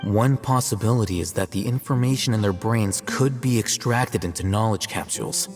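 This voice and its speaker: In a video game, an actor voices a calm, measured male academy scribe who explains things in a scholarly manner. His natural voice sits fairly low and carries a grave mood, with long reverb and game music in the recording.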